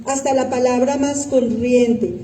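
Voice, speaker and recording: A woman giving a solemn, deliberate devotional reading as a liturgical reader. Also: high-pitched, steady tone, warm tone, slight background noise. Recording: echoey hall, distant mic.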